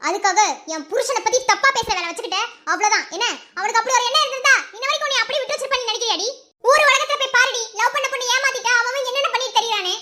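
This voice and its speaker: A woman's voice: extremely high pitch, pushed and bright. A woman voicing a fierce, scolding young wife. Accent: Madurai Tamil. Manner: scolding, threatening, indignant. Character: fierce young wife defending her husband.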